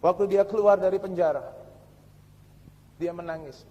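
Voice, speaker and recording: A man preaching a sermon, telling a story dramatically, dropping to a hush and then rising to shouts as he addresses the congregation. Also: high-pitched, steady tone, normal speed, in a large hall, lo-fi sound. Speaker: pastor.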